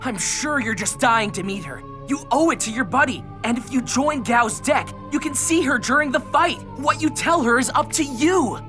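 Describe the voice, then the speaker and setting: A woman voicing a brash, outspoken young sidekick in an animated series, blunt and slangy. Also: sits high, moderate pace, hardly any pauses, music in the background.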